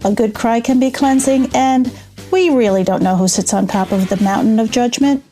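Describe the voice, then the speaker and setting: A woman's voice: a little high, moderate pace, warm tone, soft background music. A woman in her sixties with a New York accent, hosting a podcast in an enthusiastic, chatty way. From New York State. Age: 60s. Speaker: podcast host. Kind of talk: upbeat podcast intro and interview.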